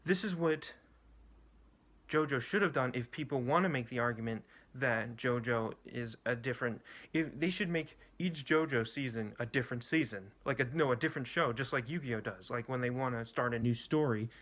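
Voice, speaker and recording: A young man reviewing anime rambles bluntly and profanely through a casual ranking rant, restarting often and using plenty of fillers. His mid-range voice is a bit bright and moves at a moderate pace.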